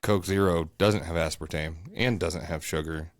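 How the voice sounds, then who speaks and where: A man's voice: deep voice, fairly even intonation, moderate pace, no echo. A man co-hosting a casual home podcast, talking bluntly and swearing often. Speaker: podcast co-host. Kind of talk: casual chat. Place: home room above a bathroom.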